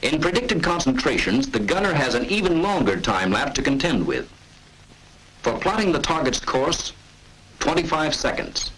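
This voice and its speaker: This scripted instructional narration for a 1940s military training film comes from a man with a husky voice and lively, rising-and-falling pitch. He sounds measured and authoritative. The poor-quality audio resembles an old film soundtrack.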